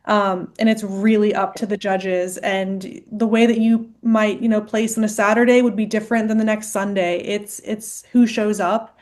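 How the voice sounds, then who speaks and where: A woman's voice: mid-range voice, flat delivery, normal speed, hardly any pauses, darkish tone. A young woman, a guest on a casual podcast, talking reflectively and chattily with many fillers. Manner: chatty, reflective, heavy use of "like". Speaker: guest client, first-time competitor.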